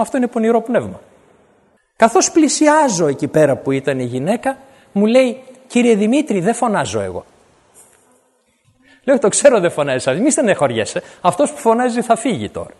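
Guy preaching a sermon, pretty high voice that jumps all over, keeps repeating stuff to drive it home. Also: a little mellow, in a large hall. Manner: storytelling, repeats lines for emphasis.

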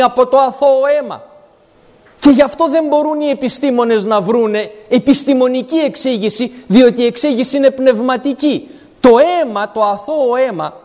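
A man's voice: very high-pitched, big-room sound. A man preaching a sermon, quoting scripture and explaining it verse by verse. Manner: expository, quotes scripture and explains it. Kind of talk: sermon with Bible exposition.

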